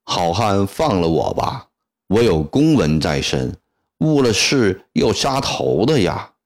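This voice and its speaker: A terrified middle-aged clerk, as a male storyteller puts him on, begging for mercy with a tearful catch. The voice sits low and moves slowly. Told as a spoken storybook. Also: very animated, heavily acted. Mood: pleading. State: tearful, pleading.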